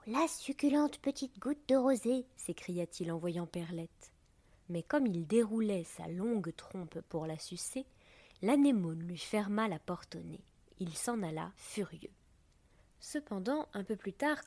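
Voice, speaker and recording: A woman narrating a children's story aloud, gently and softly, often dropping close to a whisper. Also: on the low side. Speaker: reader.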